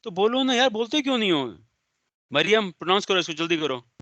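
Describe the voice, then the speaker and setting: A man's voice: high-pitched, big pitch swings, a little fast, sharp tone, no echo. A male business law lecturer, giving an online class, stern and sarcastic as he calls on students by name. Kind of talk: online lecture, scolding and explaining.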